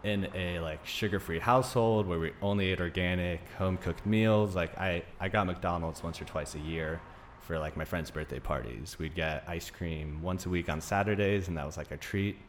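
A naturopathic doctor in his thirties, with roots in Greece, Denmark and Arizona, appears as a guest on a podcast. His voice is low and his pace normal as he rambles through his story in a casual interview, with light noise in the background.

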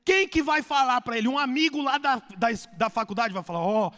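A man preaching a sermon as pastor, swinging between loud and hushed delivery. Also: very high-pitched, animated, a little fast. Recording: echoey hall reverb.

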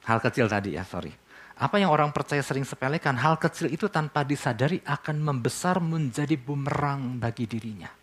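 Preaching a sermon to his congregation, a pastor speaks conversationally, posing questions and then answering them himself. His voice sits at an ordinary middle pitch, and his delivery is animated, brisk and a bit bright.

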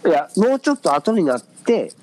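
A man with a Kansai Japanese accent, a podcast co-host, tells a personal story in casual chat, animated yet hesitant with many fillers. His voice sits high at a moderate pace, and the recording quality is low.

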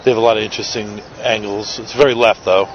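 On the low side and fairly even in intonation, a New York-accented man talks at a quick pace as a street video creator in a city park. He chats loosely with strangers, rambles with fillers, and recaps for his vlog. The dull lo-fi recording carries slight background noise.

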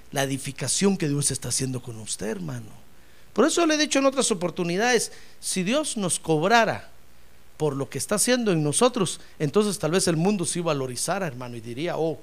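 A man preaching a sermon as pastor, joking with listeners as brothers and swelling into loud cries of praise before dropping to quiet asides. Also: on the high side. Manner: humorous, addresses listeners as brother.

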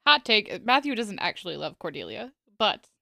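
A woman co-hosting a casual book podcast, talking in slow emphatic asides and laughing often. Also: mid-range voice, big pitch swings, creaky, pushed and bright, no echo, clean studio sound. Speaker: podcast co-host.

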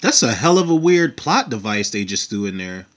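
A man's voice: fairly low pitch, sing-song, moderate pace, a bit bright. Guy doing casual movie reaction, slangy and jokey, swoopy voice, bit muffled w soundtrack behind. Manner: informal, slangy, joking. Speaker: film reaction host.

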